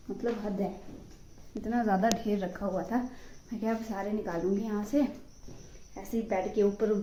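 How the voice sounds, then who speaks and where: A young woman from Himachal Pradesh chatting warmly to her viewers in a casual home vlog, recorded on a phone indoors. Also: mid-range voice, a little hiss or hum, poor audio. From Himachal Pradesh, India. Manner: chatty and affectionate, talking to the viewers while doing chores. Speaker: vlogger.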